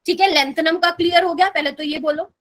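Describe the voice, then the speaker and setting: A woman's voice: very high-pitched, fairly even intonation, a little fast, a crowd in the background. A woman teaching a chemistry class online in Hindi, explaining step by step and often checking whether students follow. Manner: explains step by step, asks students to confirm with "okay?".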